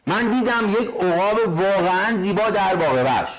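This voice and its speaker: A man with a Persian accent teaching English grammar, reading example sentences slowly and quizzing his students. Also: high-pitched. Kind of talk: grammar lesson walkthrough.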